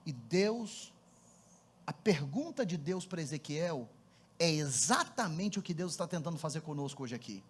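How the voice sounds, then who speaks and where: A man's voice: on the high side, very animated, normal speed, breathy edge. A man with a Brazilian Portuguese accent preaching a sermon as pastor, telling a story with animation and building to fervent appeals.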